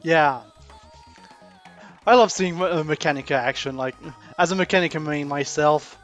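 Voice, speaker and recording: Hesitant esports co-caster. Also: male voice, a little high, moderate pace, highs cut off, faint music behind. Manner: soft-spoken, hesitant, many fillers. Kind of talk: live esports commentary.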